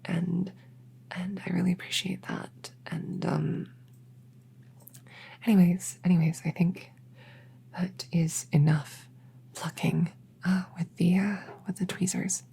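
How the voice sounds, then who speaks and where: Woman as a breathy, shy elf girl, whispered role-play. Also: lowish voice, fairly even intonation, slow pace, pauses often, exaggerated voice. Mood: flustered, embarrassed. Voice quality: breathy, soft. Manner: hesitant, stammering, awkward rambling. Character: shy flustered smitten elf woman neighbor, gently caring.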